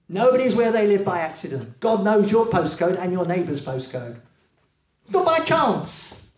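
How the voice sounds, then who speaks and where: A man preaching a sermon in a church, conversational and lively, with many rhetorical questions to the congregation. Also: fairly high pitch. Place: church hall. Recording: echoey hall, voice from a distance.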